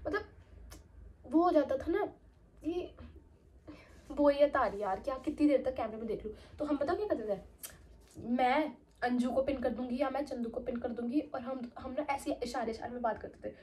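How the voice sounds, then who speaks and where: A young woman chatting casually as a vlogger, telling an animated storytime tale. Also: high voice, moderate pace, long pauses. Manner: animated, slips into quoted voices.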